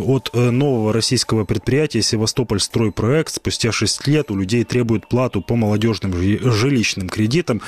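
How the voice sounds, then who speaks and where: A man's voice: on the low side, breathy edge. A man presenting news live as a radio host in a studio.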